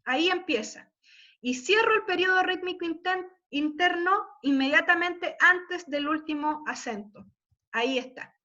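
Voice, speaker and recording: A woman teaches a class online in an unhurried, patient way, often stopping to check that everyone is following. Her voice is high-pitched. The audio is a muffled video-call recording. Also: bright, forceful tone. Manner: slow, patient explaining with frequent check-ins. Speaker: literature teacher. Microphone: computer mic on video call.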